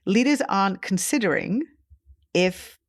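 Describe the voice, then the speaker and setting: A woman's voice: mid-range voice, expressive, a little slow, no echo, clean studio sound. A woman hosting a podcast interview, enthusiastic and affirming. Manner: enthusiastic, affirming, frequent backchannel "yeah". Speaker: podcast host. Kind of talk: interview conversation.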